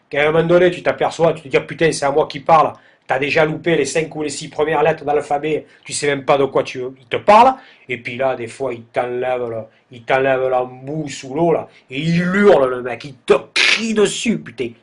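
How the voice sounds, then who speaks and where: A man with a Marseille accent tells a humorous anecdote, stammering over repeated words and using coarse slang in a mocking, exasperated tone. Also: medium pitch. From southern France. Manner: stammering word repetitions, coarse slang, addresses listener as tu. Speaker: comic storyteller.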